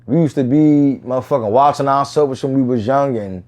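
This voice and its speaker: A man's voice: mid-range voice, moderate pace, a little mellow. A man speaking candidly in an interview about his own life, in casual, profane street slang peppered with "bro" and "you know what I'm saying". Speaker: interview guest.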